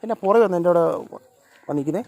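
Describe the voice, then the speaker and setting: A man's voice: sits high, very fast, dry recording. Man chatting and scolding his pets outdoors. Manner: coaxing and scolding the animals, shouting now and then. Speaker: vlogger. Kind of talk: casual chat with his pets. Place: outdoors by a road.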